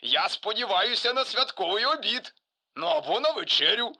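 A man voicing an excitable, teasing male inventor in a storybook, boisterous and proud of his gadget. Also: sits high, normal speed, voice pushed up, heavily acted. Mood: gleeful. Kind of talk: storybook character voice.

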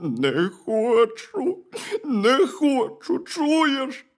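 A storyteller voicing a gentle bear cub who weeps over the passing of autumn. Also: medium pitch, expressive, exaggerated voice. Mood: sobbing. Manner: slow, drawn-out, sobbing. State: weeping. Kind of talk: storybook reading.

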